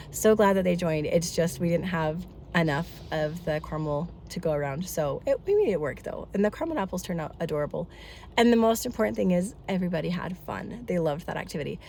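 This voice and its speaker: A woman's voice: fairly low pitch, a little mellow, a little hiss or hum. A woman in her thirties chatting casually in a family vlog, congested from a head cold, talkative and rambling with lots of asides. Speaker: family vlogger.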